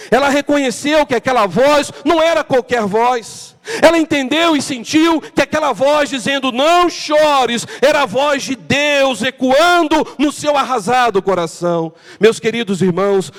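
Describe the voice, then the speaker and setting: High-voiced preacher with cathedral echo. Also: male voice. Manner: dramatic preaching that swings from loud emphasis to hushed low tones. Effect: long cathedral-like echo. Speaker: pastor. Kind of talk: sermon. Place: large church hall during a morning service. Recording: voice with long hall reverb in a church.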